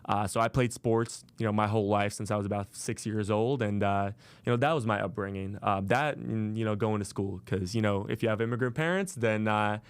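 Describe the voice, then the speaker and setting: A man in his twenties from Las Vegas, USA, hosts a solo podcast, telling his story casually with lots of fillers and restarts. His voice sits on the low side, clear and resonant, and he talks a little fast in a dry recording.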